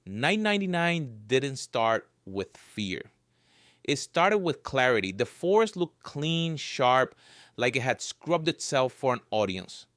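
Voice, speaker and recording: A man's voice: medium pitch, fairly bright tone, dry recording, clean studio sound. A man telling a scripted first-person horror story with a wry, joking edge. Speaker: narrator.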